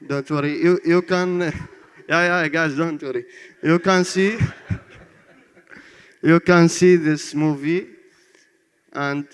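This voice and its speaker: A man's voice: a little high, fairly even intonation, takes it slowly, pauses often, in a large hall. A man in his twenties from Iraq with an Iraqi Arabic accent, presenting his app in broken English with short phrases and frequent laughs. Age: 20s. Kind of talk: demo presentation.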